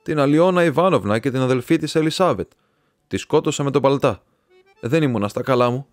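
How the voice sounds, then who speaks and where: A man's voice: mid-range voice, dry recording, clean studio sound, faint music behind, pitched above the performer's own voice, close to an everyday voice. A man voicing a pale young laborer who blurts out words in a choked, desperate voice.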